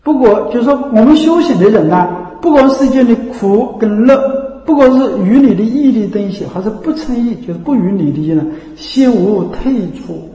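A man's voice: very high voice, expressive, normal speed, dark tone. A man giving a Buddhist dharma talk as teacher, explaining patiently and often checking that listeners follow. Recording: echoey hall with long reverb.

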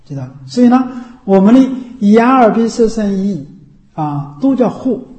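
A man's voice: high voice, very animated, moderate pace, warm tone. A man teaching as a Buddhist teacher in a dharma talk. He explains things over and over and keeps checking with his listeners. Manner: repetitive, explanatory. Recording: echoey room.

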